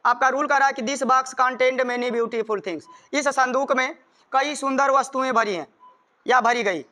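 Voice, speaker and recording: A North Indian man, a native Hindi speaker, gives a classroom grammar explanation, stressing points repeatedly and dictating examples one word at a time. His very high voice is bright and forceful, with fairly even intonation and a measured pace.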